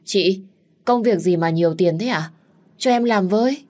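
A woman's voice: normal speed, a little mellow, close to an everyday voice. A woman voicing an earnest young student sister who pleads with her mother. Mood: curious. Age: young adult. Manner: pleading, childlike, raised pitch.

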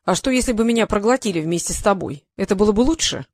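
A sharp-witted boy from a storybook, cornered yet bold, pressing his case urgently, as a woman reads him. Recorded close and dry. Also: mid-range voice, expressive, a little fast, no echo, close to an everyday voice. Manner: urgent, insistent.

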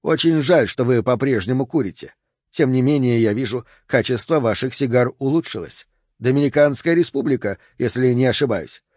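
A man's voice: mid-range voice, normal speed, no echo, studio quality, natural voice. Male reader as urbane Southern US agent, polite, lilting, composed. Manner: calm, courteous, lilting. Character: calm refined male federal agent, urbane and ironic. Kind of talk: audiobook character voice.

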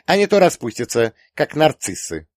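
A sassy teenage girl, as a male reader puts her on, bossy and teasing, firing off quick retorts in an audiobook. Her voice sits high and bounces around lively. The recording is dry and close. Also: no echo. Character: teenage girl, sharp-tongued teasing daughter. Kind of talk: audiobook character voice.

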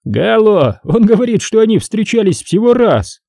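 A man's voice: sits high, sing-song, moderate pace, creaky, dark tone, no room sound, studio quality, pitched above the performer's own voice, full character voice. A man reading an audiobook, voicing a sardonic male police officer who keeps needling a suspect with mocking asides. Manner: mocking, teasing interjections.

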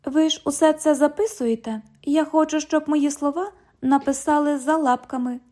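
A woman's voice: sits high, fairly even intonation, normal speed, mellow, voice pushed up, natural voice. London: a woman voicing a cheeky young woman. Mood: mocking. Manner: mocking, cheeky, parrots the other speaker. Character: sarcastic 20-year-old woman bank cashier. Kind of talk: audiobook dialogue reading.

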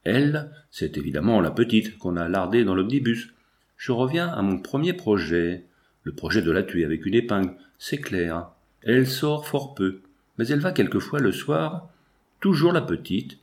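A man's voice: fairly low pitch, big pitch swings, moderate pace, a little mellow. A man voicing an eager, impulsive young painter in an audiobook. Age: young adult.

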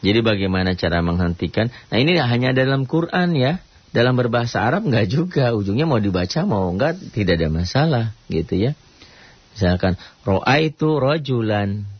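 A man with an Indonesian accent teaching a radio tajwid lesson, explaining casually and breaking into slow melodic Quran recitation. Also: medium pitch, animated, slightly rough, dry recording. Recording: dull lo-fi radio recording.

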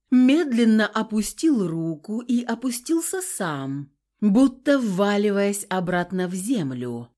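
A woman reading a first-person audiobook narration in an expressive, dramatic way. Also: medium pitch.

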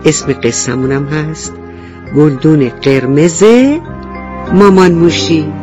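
A man narrating a children's story, animated and speaking directly to young listeners. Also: a little high, over music.

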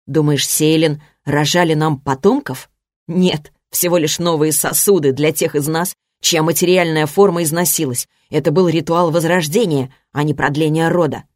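A woman voicing a weak ancient boy in a child's body who sounds hoarse, grave and oddly grown-up. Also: low voice, a little mellow, dry recording, studio quality.

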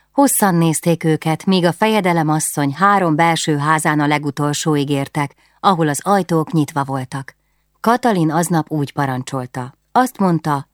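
A woman reading a historical novel aloud in calm, measured narration on a close studio mic. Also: sits low, no echo. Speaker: audiobook narrator.

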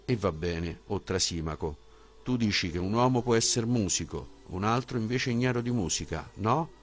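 A male audiobook reader with a very low, deep voice. He reads a philosophical dialogue in a measured, questioning way, posing each point with care. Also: expressive.

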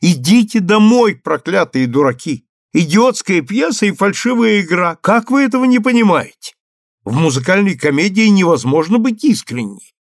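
A fiery young stage actress, voiced by a male audiobook reader lifting his voice high, who bursts into passionate exclamations. Her pitch leaps around widely. The recording is dry and close. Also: expressive, moderate pace, dry recording. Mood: indignant. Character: young female musical-comedy star, fiery, theatrical.

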